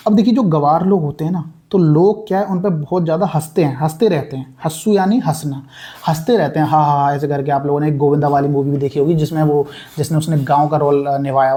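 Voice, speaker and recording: A young man runs a casual exam-prep lesson built on memory tricks. He talks in a chatty, repetitive way and keeps calling his viewers brother. His voice sits a little high with a mellow tone. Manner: chatty, repeats words, addresses viewers as brother. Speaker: exam coaching teacher.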